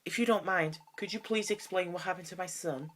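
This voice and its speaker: A man's voice: high-pitched, fairly quick, fairly bright tone, slight background noise, voice pushed up. A man voicing a polite, concerned mother creature in a fan-dubbed game. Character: gentle adult mother creature, worried.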